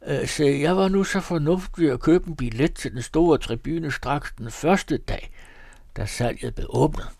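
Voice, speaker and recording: A man's voice: on the high side, vocal fry, a little mellow, dry recording, clean studio sound, pitched above the performer's own voice. A man voicing a self-satisfied townsman who chatters smugly about his own good sense.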